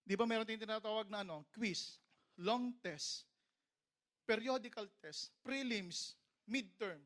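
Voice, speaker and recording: High bright-voiced Filipino preacher. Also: male voice, measured pace. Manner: storytelling, jokey, calls for amens, sometimes shouts. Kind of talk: sermon with humorous parable.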